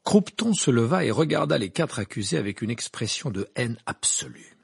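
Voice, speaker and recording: Gravelly, husky male audiobook narrator. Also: mid-range voice, moderate pace, no room sound, studio quality. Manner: expressive dramatic reading. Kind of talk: scripted narration.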